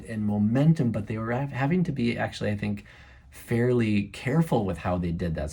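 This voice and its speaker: A man giving casual, appreciative feedback as a judge, thinking aloud in a halting, searching way. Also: mid-range voice, darkish tone.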